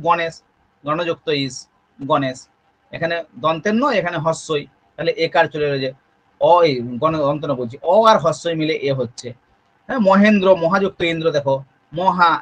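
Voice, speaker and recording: Bengali guy tutor, pretty high pitched, walks through rules step by step and quizzes the class. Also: a bit bright, highs cut off. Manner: explains step by step, keeps asking the students questions. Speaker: Sanskrit tutor. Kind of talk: exam-prep grammar lesson.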